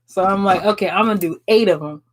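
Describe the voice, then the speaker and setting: A woman in her 30s hosts a live stream, answering viewers in a mid-range voice at a quick pace. She chats frankly and casually, swearing and laughing often.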